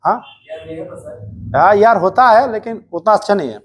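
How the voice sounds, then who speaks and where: Guy teaching a hindi class, kinda high voice, keeps firing questions at students, strict but joking. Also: animated, slightly rough. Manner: quizzing students with rapid call-and-response. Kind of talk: live classroom lesson. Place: coaching classroom.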